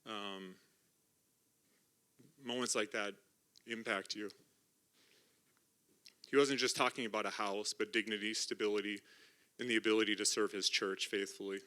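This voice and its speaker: A middle-aged man giving an emotional church testimony about a mission trip, partly reading from notes, earnest and halting with restarts. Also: fairly low pitch, flat delivery, pushed and bright, clear, resonant tone. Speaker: mission trip team member sharing testimony. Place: church sanctuary.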